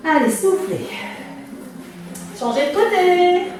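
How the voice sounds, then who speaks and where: High-pitched woman coaching a workout, echoey room. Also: lively intonation, takes it slowly, darkish tone. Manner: encouraging, motivating coach cues. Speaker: fitness instructor leading a workout class. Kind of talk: exercise class instruction with counting. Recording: echoey room, distant mic, music behind.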